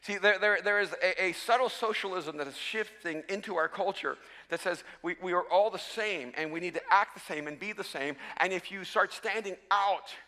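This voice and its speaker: With a very high, sharply bright voice swallowed by long hall reverb, a man from El Salvador preaches like a pastor mid-sermon. He is animated and self-deprecating, frequently tripping over his words and beginning over.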